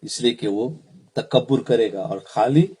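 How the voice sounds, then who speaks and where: A man's voice: medium pitch, dark tone, husky. A man, an Islamic preacher, giving a sermon, repeating phrases and asking the audience questions.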